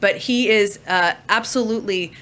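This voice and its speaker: A woman press secretary answering reporters' questions in a measured way, with frequent filler pauses. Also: medium pitch, a bit bright. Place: briefing room.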